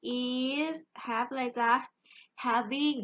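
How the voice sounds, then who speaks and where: A woman's voice: sits high, steady tone, extremely slow, fairly bright tone. A young Thai woman teaching an English grammar lesson in a chatty, joking way, addressing her students directly. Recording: dull lo-fi recording.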